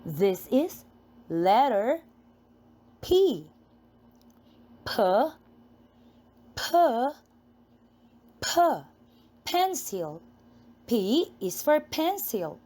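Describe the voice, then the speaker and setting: Teaching phonics to young children, a Filipino-accented woman sounds out letters and words deliberately, repeating them in a sing-song way. Her voice is a little high and sing-song, with a dark tone.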